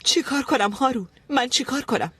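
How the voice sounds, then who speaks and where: An actress playing a grieving young woman who has lost her sister, weary and sharp-tongued, in a dubbed TV drama. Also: high voice, animated, husky, dry recording, full character voice.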